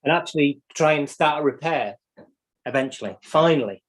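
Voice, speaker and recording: A British-accented man who instructs in clock repair and hosts livestreams gives an unscripted, hands-on repair demonstration, explaining each step and thinking aloud. His voice is a little high at a normal speed, and the audio quality is poor.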